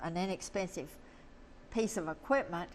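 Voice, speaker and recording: A woman's voice: on the low side, normal speed. Folksy woman interviewer, some background noise. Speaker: interview host. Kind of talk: conversational interviewing.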